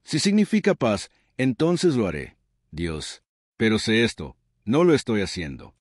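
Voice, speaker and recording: A war-weary human soldier speaks steadily and with firm resolve, as a man narrating the story voices him. The voice is fairly low yet lively in pitch. The recording is dry and close. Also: a little slow, breathy edge, no room sound, full character voice. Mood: resolute. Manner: steady and determined.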